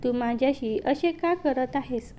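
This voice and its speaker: A woman's voice: high-pitched, measured pace, warm tone, a little hiss or hum. A woman voicing a tearful, pleading young elder sister in a read-aloud story.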